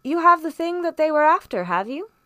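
A woman voicing a composed, genial gentleman doctor in a storybook, courteous, stately and shrewd. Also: sits high, big pitch swings, a little fast, no room sound, clean studio sound, voice pushed up, full character voice.

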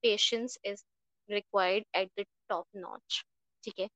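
A woman's voice: medium pitch, fairly even intonation, moderate pace, fairly bright tone, dry recording, rough recording. A woman with a North Indian accent giving explanatory advice in a podcast interview, often checking that she is followed. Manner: explanatory, frequent checking tags. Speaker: guest mental health expert. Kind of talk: advisory podcast interview, mixing Hindi and English.

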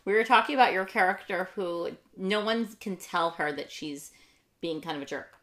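A woman in her thirties co-hosting a casual podcast chat about books, enthusiastic and chatty with quick asides. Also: fairly low pitch, a bit bright. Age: 30s. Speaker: podcast co-host.

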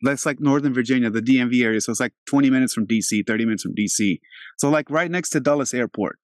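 A man's voice: medium pitch, fast talker, no room sound, clean studio sound. A man from Albania in his thirties, hosting an interview in a laid-back, chatty way. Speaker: podcast host. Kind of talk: casual interview talk.

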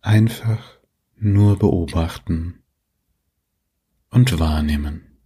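A man guiding a sleep meditation like a sleep story narrator, soothing and gentle, leaving long pauses, in a soft, husky voice. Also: deep voice. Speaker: meditation guide, host.

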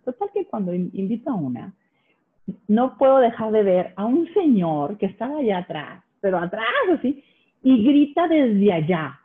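A woman's voice: medium pitch, moderate pace. Monterrey woman telling stories on a tinny line. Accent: northern Mexican (Monterrey). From Monterrey, Mexico. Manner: storytelling, animated, laughs often. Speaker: guest. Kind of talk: casual conversation.

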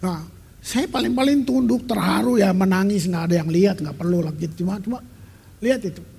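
A man's voice: high-pitched, brisk, gravelly, a little mellow, husky. A middle-aged man preaching a sermon as pastor, talking emphatically and conversationally and dropping in English phrases. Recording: long reverb of a large hall.

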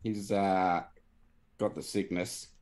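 Deep-voiced sweary man. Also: level tone, slow pace, darkish tone. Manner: sweary, laughing banter. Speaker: podcast host. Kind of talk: casual chat.

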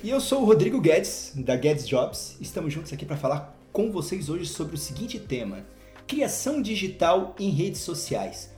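A man's voice: on the high side, big pitch swings, normal speed, few pauses, mellow, soft background music. A man hosting a casual podcast, explaining things in an upbeat way and drawing out key words. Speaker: podcast host. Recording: roomy echo.

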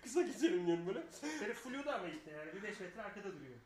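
A man's voice: high voice, expressive, racing, reverberant, crowd noise. A man co-hosting a live radio show, telling long rambling stories and swearing freely. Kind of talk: casual live radio banter.

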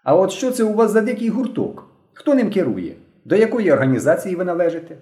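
A man voicing a stern but cheerful seventeen-year-old girl who leads young pioneers, in a brisk, commanding way. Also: high-pitched, sing-song, mellow, pitched above the performer's own voice. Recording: roomy echo.

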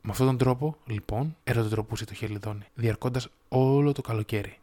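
A man reading a fairy tale aloud in a measured, steady storytelling manner. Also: mid-range voice. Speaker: audiobook narrator.

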